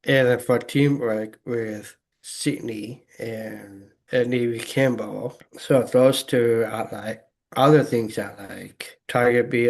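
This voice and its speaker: A man chatting casually about a movie, speaking in halting, broken phrases with many fillers. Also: mid-range voice. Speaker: co-host. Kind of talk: casual movie review chat.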